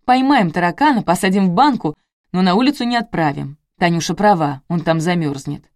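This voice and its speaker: A woman reads a bossy older mother-in-law in an audiobook, with emphatic, indignant lines. The tone stays low. The recording is dry and close. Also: lively intonation, a little fast, no echo, natural voice. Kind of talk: audiobook character reading.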